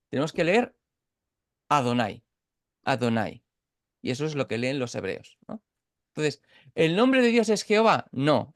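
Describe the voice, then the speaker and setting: A man's voice: fairly high pitch, no echo, clean studio sound. A man from Catalonia teaching an informal Bible study over a video call, explaining step by step with frequent restarts and checks for understanding. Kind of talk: informal online Bible class.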